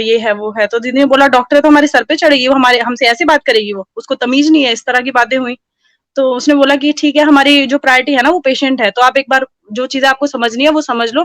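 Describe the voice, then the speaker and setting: High-voiced woman telling a story. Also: dry recording. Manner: animated, acts out quoted dialogue. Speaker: guest telling a personal story. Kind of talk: casual storytelling conversation.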